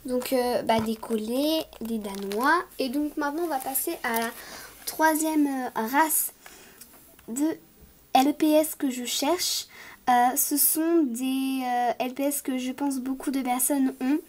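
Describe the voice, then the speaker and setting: A woman's voice: high-pitched, slow. A woman talks casually to viewers as a toy collector, gushing, repeating words and hesitating often. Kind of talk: casual vlog talk to viewers.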